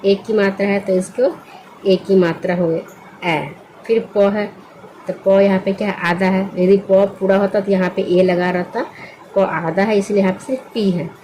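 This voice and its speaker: A woman's voice: medium pitch, fairly even intonation, moderate pace, darkish tone, slight background noise, rough recording. A woman teaching English spelling word by word, patiently asking questions and answering them herself. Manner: patient, asks and answers her own questions. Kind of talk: slow spelling lesson.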